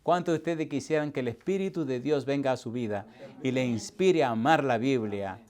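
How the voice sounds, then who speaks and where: A man, a pastor teaching a preaching seminar to a live audience, asking constant call-and-response questions and swinging from loud to hushed. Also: mid-range voice, fairly quick. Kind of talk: lively seminar sermon. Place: church hall with live audience.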